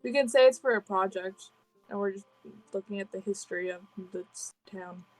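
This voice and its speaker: A woman's voice: mid-range voice, moderate pace, a little mellow, poor audio. A woman talking casually as a player in a tabletop role-playing game. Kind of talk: casual group game chat. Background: background music.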